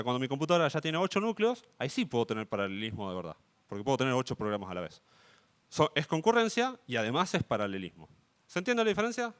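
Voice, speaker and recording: Lively Argentine man explaining code. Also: on the high side. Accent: Rioplatense Spanish. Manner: checks in with audience, asks "¿sí?" often. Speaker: conference speaker. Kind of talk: live coding talk.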